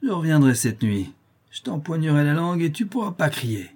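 A man voicing a drunken, lame, brutish male neighbor who shouts hoarse threats. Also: a little high, very animated, moderate pace, voice pushed up, exaggerated voice. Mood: threatening. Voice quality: hoarse, rough.

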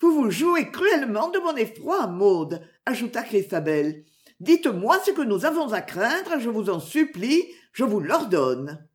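A woman's voice: a little high, sing-song, a little slow. A woman reader voicing a young noblewoman in anguish, pleading and crying out in a storybook reading.

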